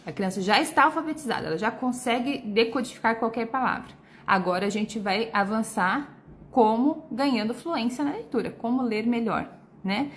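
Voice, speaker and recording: A woman's voice: a little high, normal speed, slight background noise. Patient Brazilian woman explaining reading lessons. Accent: Brazilian Portuguese. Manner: patient and explanatory, with frequent tag questions. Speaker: literacy educator. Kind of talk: live Q&A, answering viewer questions.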